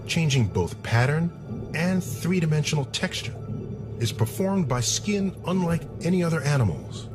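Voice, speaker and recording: A man's voice: on the high side, animated, normal speed, music in the background. A man hosting and narrating a scripted nature documentary.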